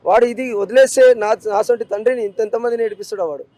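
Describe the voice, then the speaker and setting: A man's voice: high voice, steady tone, fast, mellow, no room sound. A middle-aged grieving father, speaking in an emotional street interview, pleading and repeating himself. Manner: grief-stricken, repetitive, pleading.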